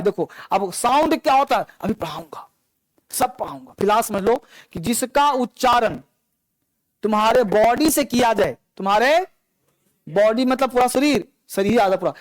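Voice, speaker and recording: A man's voice: extremely high pitch, no room sound, low-quality recording. A man teaching an English grammar class, speaking English, repeating points and asking the students questions. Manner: repetitive, coaxing, asks students questions. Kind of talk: classroom lecture.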